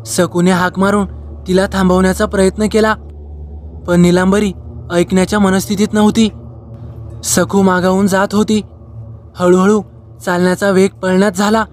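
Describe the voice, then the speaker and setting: High, level-voiced male storyteller. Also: little pitch movement, slight background noise. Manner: slow measured phrasing in short lines. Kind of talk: scripted horror narration.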